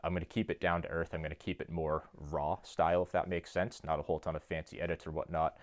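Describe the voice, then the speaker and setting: A young man talking to camera in his home basement gym, earnest and self-described monotone, filmed on a phone. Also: low-pitched, fast talker. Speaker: fitness YouTuber and coach. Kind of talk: casual talk to camera.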